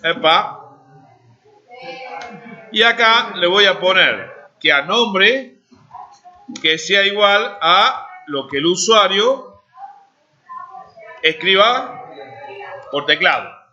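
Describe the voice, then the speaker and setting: A man in his 40s with a high, sharp, animated voice teaches a live coding class extremely slowly, leaving long pauses. He talks while typing and checks students' understanding with questions. The recording is a dull, lo-fi classroom capture.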